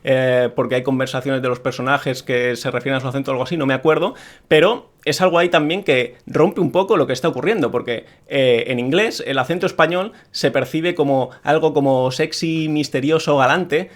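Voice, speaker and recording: A man's voice: mid-range voice, a little fast. A man from Spain with a Peninsular Spanish accent, delivering an opinionated monologue as a video creator, with strong, emphatic criticism.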